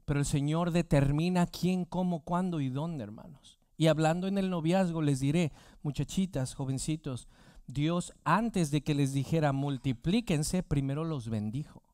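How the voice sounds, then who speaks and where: Smooth-voiced male pastor preaching. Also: fairly high pitch, moderate pace, mellow, dry recording, studio quality. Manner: rhetorical questions to the congregation. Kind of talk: sermon.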